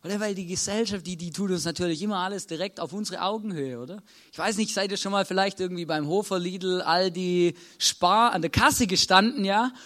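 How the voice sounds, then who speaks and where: Austrian guy preaching casually, high voice, keeps asking the crowd "right?". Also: a bit bright. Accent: Austrian German. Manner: conversational, tags nearly every sentence with a question to the listeners. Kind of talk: sermon.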